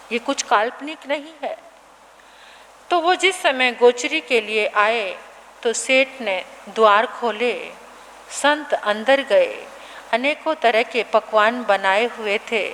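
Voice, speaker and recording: A woman nun preaches a storytelling sermon, slowly and emphatically, and repeats her phrases. Her voice sits high. A long hall echo and a faint hum lie behind it. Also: a bit bright. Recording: reverberant hall, faint background noise.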